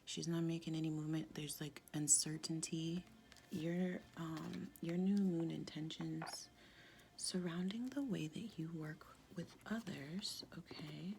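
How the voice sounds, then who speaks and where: Female tarot reader, sultry and husky smoker's tone, heavy vocal fry, soft-spoken, informal, halting delivery. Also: low voice, steady tone, slight background noise. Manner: halting, informal, with pauses and frequent "like". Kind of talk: casual spiritual tarot reading, soft-spoken.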